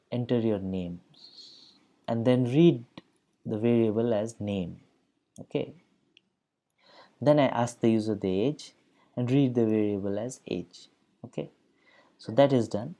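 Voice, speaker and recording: A man teaching a programming lesson over a screen recording, explaining patiently step by step with many pauses and fillers. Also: fairly low pitch, warm tone. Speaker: instructor.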